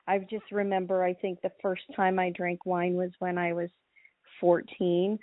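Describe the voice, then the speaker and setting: A woman's voice: fairly low pitch, moderate pace, no room sound. A middle-aged woman from Hawaii talks casually as a winemaker guest, loose and full of ums and restarts. Her voice comes through a thin, phone-like line that sounds dry and close, with no room around it. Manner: relaxed, many ums and restarts. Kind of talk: casual interview chat.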